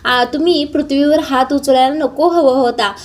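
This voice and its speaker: A woman voicing an anxious young wife who pleads gently with her husband. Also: high-pitched, moderate pace, natural voice. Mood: pleading. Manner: pleading, soft-spoken.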